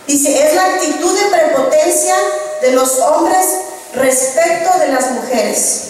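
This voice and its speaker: A woman with a Mexican accent delivers a sermon in a high voice, pressing rhetorical questions on her congregation. She sounds far from the microphone, and her words ring through a big echoing hall with a long reverb. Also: slight background noise. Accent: Mexican Spanish. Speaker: preacher. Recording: distant echoey hall recording.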